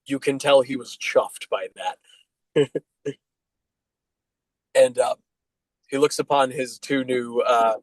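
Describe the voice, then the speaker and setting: A man's voice: mid-range voice, slow, long pauses, no echo, low-quality recording. Man as game master, easygoing, lots of "um", close dry mic. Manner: relaxed, with many fillers. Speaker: dungeon master. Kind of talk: narrating a tabletop game.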